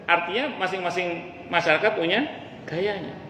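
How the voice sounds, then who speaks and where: A preacher gives a casual, humorous religious study lecture in a mosque hall, speaking directly to the ladies in the audience. His high-pitched voice is bright and forceful at a moderate pace, with a little hiss or hum. The hall sounds echoey with faint ambience.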